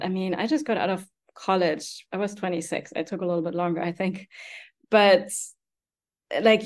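A woman's voice: mid-range voice, darkish tone. A woman in her forties with a foreign accent, hosting a casual podcast interview, chatty and effusive, tagging her sentences with "right?". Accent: foreign-accented English. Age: 40s. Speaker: podcast host.

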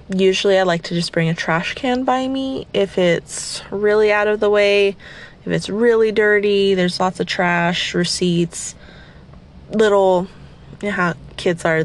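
Sleepy, slightly raspy woman podcaster. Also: mid-range voice, fairly even intonation, measured pace. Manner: chatty and rambling, self-deprecating. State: slightly raspy, just woken up. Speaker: podcast host. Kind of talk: casual guided cleaning session.

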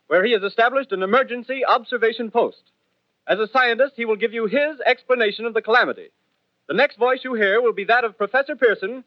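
A man's voice: high-pitched, dry recording, dull audio, close to an everyday voice. A man playing a grave radio news announcer, reading formal bulletins in an old 1930s newsreel manner. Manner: formal, clipped, solemn bulletin delivery.

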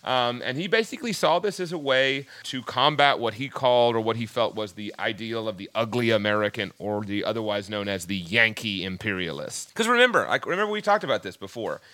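A man's voice: fairly low pitch, animated, a little fast, hardly any pauses, pushed and bright, dry recording. A man with a Southern US accent, explaining history in a casual, jokey podcast chat. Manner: jokey, explanatory, punny dad jokes.

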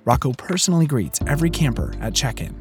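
A man host reading scripted narration with a lively delivery. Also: mid-range voice, fast, music in the background. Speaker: podcast host.

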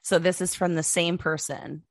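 A woman with a somewhat low voice chats casually with her co-host, telling the story behind each clip in an animated way. The sound is dry and close. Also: moderate pace, no room sound. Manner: animated storytelling, laughs often. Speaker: co-host showing videos. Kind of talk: casual podcast chat.

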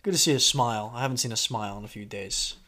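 A man's voice: medium pitch, quick pace, pushed and bright. A man hosting a podcast over whiskey, chatting loosely and joking, swearing casually. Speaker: podcast host. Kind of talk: casual chat.

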